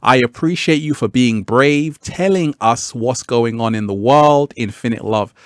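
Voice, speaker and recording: The livestream host here has a medium-pitched male voice, clear and resonant, and talks a little slowly. Laid-back, he chats with viewers, reads their comments, laughs frequently and repeats phrases, recorded at studio quality with no echo.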